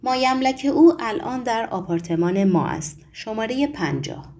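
A shrewd, polite middle-aged man, put on by a woman narrator, asking formal questions in a raised, lifted voice. He presses his point with stiff courtesy, soft and mellow in tone, in a lively audiobook reading. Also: on the high side. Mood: insistent.

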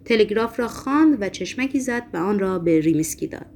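A woman's voice: medium pitch, lively intonation, darkish tone, a little hiss or hum. A woman narrating a novel as an audiobook reader, lifting her voice for quoted lines.

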